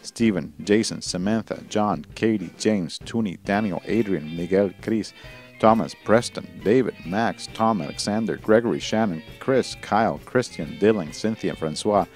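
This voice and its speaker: A man's voice: lowish voice, moderate pace, darkish tone, faint music behind. A male host signing off his show, wisecracking and profane as he rattles off thank-yous. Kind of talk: irreverent show sign-off.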